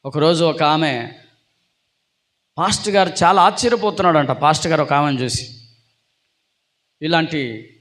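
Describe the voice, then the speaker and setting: A man's voice: a little high, normal speed, long pauses, a bit bright. A man preaching a sermon to a church congregation, calling on them for responses and teasing them playfully. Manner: teasing, jokes with listeners. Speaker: pastor.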